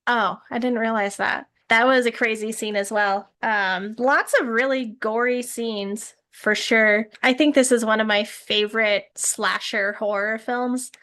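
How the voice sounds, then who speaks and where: A woman's voice: on the high side, steady tone, a little slow, hardly any pauses, bright, forceful tone. A woman hosting a casual movie review chat, talkative, laughing often and asking questions. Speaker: host.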